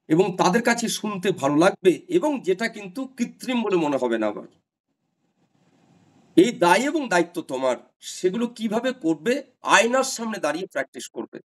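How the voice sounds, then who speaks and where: High-voiced man lecturing students earnestly. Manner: earnest, repetitive, addresses students directly with advice. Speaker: teacher advising job candidates. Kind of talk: online class lecture to students.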